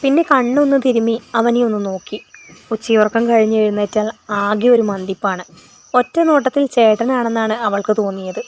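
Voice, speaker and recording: A woman narrating a story in a steady, expressive reading. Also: a little high, a little fast.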